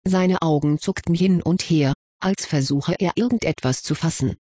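A narrator reads a magical school story at a steady, even pace. The voice is slightly husky and mid-pitched, recorded close and dry with no room sound. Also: moderate pace, no echo. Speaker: audiobook narrator. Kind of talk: scripted narration of fan fiction.

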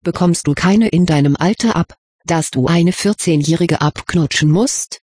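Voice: medium pitch, normal speed, darkish tone, slightly rough, no echo, studio quality, close to an everyday voice. Reader voicing a furious jealous schoolboy. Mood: angry. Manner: angry, hissing. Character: young schoolboy, hot-tempered and jealous.

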